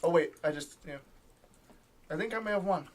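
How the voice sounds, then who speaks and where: A young man with a notably high voice hosts a loose, casual podcast conversation. He jokes around and laughs often between his lines. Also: moderate pace. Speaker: podcast host.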